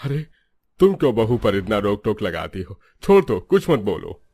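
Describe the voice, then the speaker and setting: Woman doing a calm, placating husband. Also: extremely low pitch, normal speed, slightly rough, voice pushed down, exaggerated voice.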